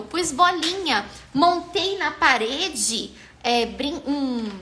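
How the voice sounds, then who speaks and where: A woman's voice: sits high, pushed and bright. A Brazilian woman in her thirties hosting a live stream on parenting, talking casually and animatedly and acting out what parents and children say. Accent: Brazilian Portuguese.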